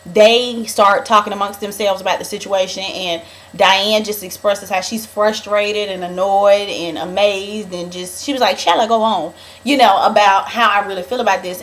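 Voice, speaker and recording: A woman's voice: medium pitch, a bit bright. A young woman recapping a reality show in a chatty, dramatic gossip style, calling her viewers honey.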